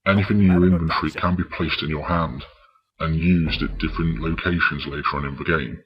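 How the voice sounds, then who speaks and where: A man narrating a scripted retro video game review in a husky voice. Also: a bass voice, steady tone, fairly quick, crowd noise. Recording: dull, muffled lo-fi voice track.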